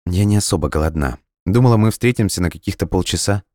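Nervous young woman, hesitant and careful, pitched up a little, played by a male reader. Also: animated, fast, darkish tone, no echo, studio quality.

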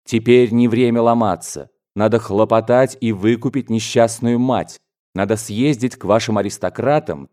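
A man voicing a stern, cold father in an audiobook, speaking low and measured, stressing each word. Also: dark tone, close to an everyday voice. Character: stern working-class father, cold and weary.

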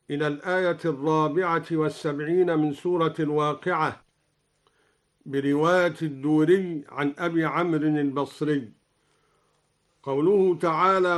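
A man presenting on religious radio, giving a slow, formal scholarly explanation of recitation variants. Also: fairly high pitch. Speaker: radio presenter of Quran readings.

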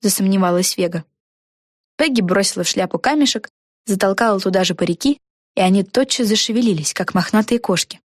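A woman narrating a children's storybook in an even, clear manner. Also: mid-range voice, a little fast, dry recording, studio quality.

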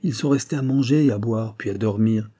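A man's voice: fairly low pitch, a little fast, mellow, close to an everyday voice. A man reading a servant giving a plain account. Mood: matter-of-fact. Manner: plain, detailed report. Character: male servant recounting events.

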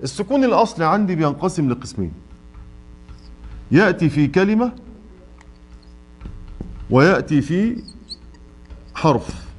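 A man's voice: fairly high pitch, big pitch swings, moderate pace, pauses often. A man with an Egyptian Arabic accent teaching a tajweed lesson in a mosque, stretching out his examples and quizzing students. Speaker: Quran recitation teacher. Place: mosque classroom.

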